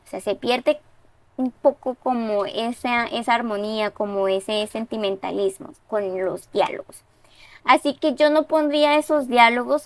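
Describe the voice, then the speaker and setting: A woman's voice: fairly high pitch, no echo. A woman giving casual spoken feedback on a follower's story, conversational, often checking in with tag questions. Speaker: writing reviewer giving feedback.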